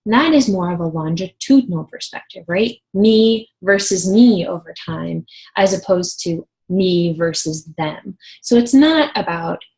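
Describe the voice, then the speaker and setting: A woman's voice: on the low side, lively intonation, measured pace, darkish tone, rough recording. A woman in her thirties giving a recorded university lecture, explaining steadily and engagingly with the odd light laugh. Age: 30s.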